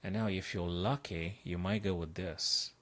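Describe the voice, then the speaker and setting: A man working as a chess coach, solving puzzles live on a stream. He thinks aloud, breaks into excited exclamations and repeats himself as he talks. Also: low-pitched, measured pace.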